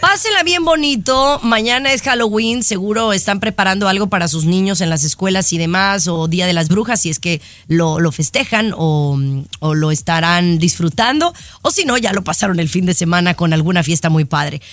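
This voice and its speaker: A woman's voice: lowish voice, lively intonation, normal speed, hardly any pauses, a bit bright, no room sound. Mexican woman, radio host, chatty and teasing, dry close sound. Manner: chatty, teasing, playful corrections. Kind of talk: casual radio talk show banter.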